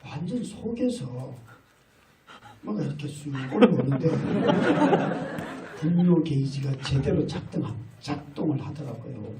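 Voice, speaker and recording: A man's voice: a little high, expressive, unhurried, crowd noise. A middle-aged male pastor preaching a sermon, telling stories and acting out family dialogue. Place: large hall at a retreat. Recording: echoey hall from far off with faint noise.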